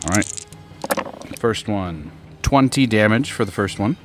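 A man's voice: lowish voice, expressive, measured pace, faint music behind. A man chatting casually as a player in a tabletop game.

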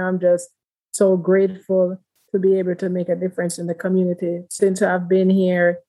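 A woman in her thirties, a community advocate speaking as a guest, earnest and steady in long, building sentences. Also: on the low side, rough recording. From Jamaica. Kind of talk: interview conversation.

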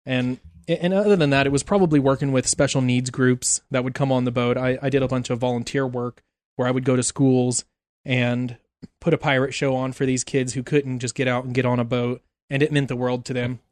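A man guesting on a podcast, telling lively stories in casual chat. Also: medium pitch, a little fast, no room sound, clean studio sound. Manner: animated storyteller.

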